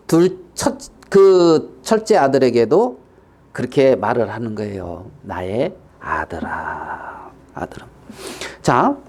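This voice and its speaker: Male pastor preaching a sermon, fairly high voice, very lively and slow, quizzes the congregation. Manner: animated, acts out quotes, asks the audience questions.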